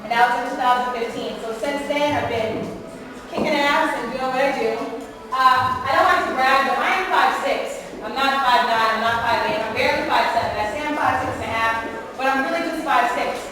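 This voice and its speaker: A high-voiced young woman talks fast and candidly, dropping quick quoted asides as she speaks to a panel audience. She is picked up from far off in an echoey hall with noise underneath. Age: 20s. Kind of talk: motivational panel talk. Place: large event hall.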